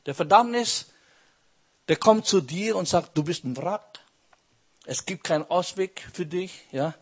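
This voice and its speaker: A man's voice: high voice, lively intonation, measured pace, husky. A man preaching a sermon with emphasis, asking the congregation questions as he goes.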